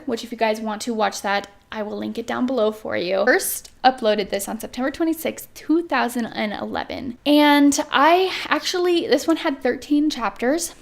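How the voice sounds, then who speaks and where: A woman's voice: on the high side, vocal fry. A young adult woman vlogging, chatting casually and reading her own old stories aloud.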